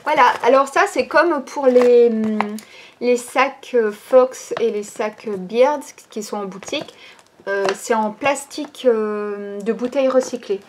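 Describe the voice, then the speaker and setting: Taking her time, a woman with a slightly high voice chats about the latest items in her online shop. She hesitates a lot and uses many fillers like "ben" and "euh," with slight background noise behind her.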